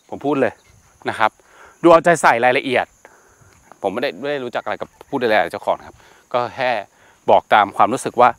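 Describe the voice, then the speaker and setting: A man's voice: mid-range voice, fairly bright tone, no room sound. Chatty man exploring a campsite. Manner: chatty and candid, with frequent exclamations and mild swearing. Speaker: camping vlogger. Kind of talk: casual walk-and-talk campsite review. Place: outdoors at a rural riverside campsite. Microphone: small handheld mic on an action camera.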